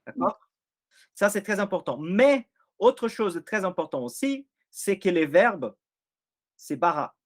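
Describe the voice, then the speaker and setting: A man's voice: high-pitched, sing-song, unhurried. Man teaching scripture with a foreign accent. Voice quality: speaks French with a non-native accent. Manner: explains step by step, often checks in with listeners. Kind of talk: informal Bible study explanation.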